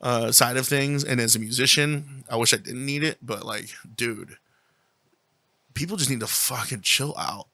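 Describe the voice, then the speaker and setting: Guy ranting casually, blunt and sweary, punchy bright voice, really dry sound. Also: mid-range voice, moderate pace, dry recording. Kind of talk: casual chat.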